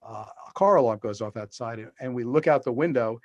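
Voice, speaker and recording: A middle-aged man, an author guesting on a podcast over video call, speaks briskly with a medium-pitched voice. His long stories ramble, with restarts and fillers, and the recording is dry and lo-fi.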